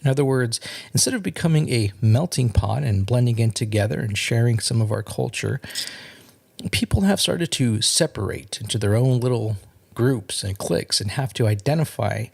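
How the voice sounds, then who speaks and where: Podcast host, male, gravelly voice that rises and falls widely, earnest solo monologue. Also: mid-range voice. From California. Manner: earnest, measured, with repeated restarts.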